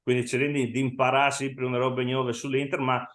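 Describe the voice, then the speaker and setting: A man's voice: medium pitch, little pitch movement, brisk, fairly bright tone. A man with a Friulian accent chatting casually about football as a guest, somewhat hesitant, in echoey room sound. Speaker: podcast guest, Inter fan.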